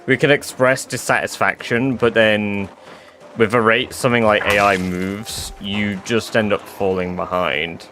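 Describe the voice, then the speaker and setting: This man's voice is lowish and steady with a sharp edge, and he keeps a measured pace. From England, with an English accent tinged by the north, he chats loosely with live-stream viewers, full of fillers and casual swearing, against slight background noise.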